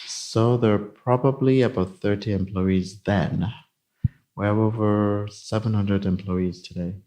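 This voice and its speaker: A man in his fifties from Nigeria, a company executive answering interview questions in a measured, explanatory way. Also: lowish voice, steady tone, mellow. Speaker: guest, company CIO. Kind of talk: casual interview.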